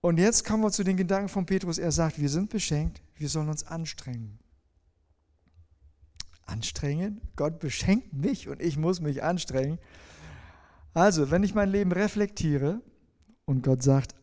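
A middle-aged pastor delivers a lively sermon in a mellow, warm voice that sits a little high for a man. He keeps turning to his listeners with questions and demonstrates with props as he explains. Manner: lively preaching, asks the congregation questions, shows a folding rule.

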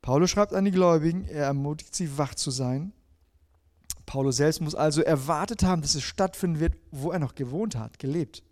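A man delivers a sermon in a mellow, warm voice pitched a bit high for a man. He reads scripture aloud and speaks straight to the listener, swinging between emphatic passages and hushed ones. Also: a little fast. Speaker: preacher.

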